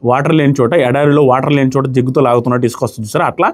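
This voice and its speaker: A man's voice: medium pitch, fairly even intonation, rapid-fire. A man reviewing a reality show episode in a mocking, indignant commentary, acting out the crying he describes. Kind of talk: animated commentary.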